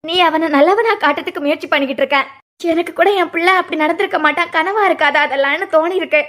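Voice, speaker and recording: A woman's voice: very high-pitched, fast, fairly bright tone. A woman voicing an earnest middle-aged mother in a cartoon, speaking with a Kanyakumari Tamil accent in a lamenting way. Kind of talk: cartoon voice acting.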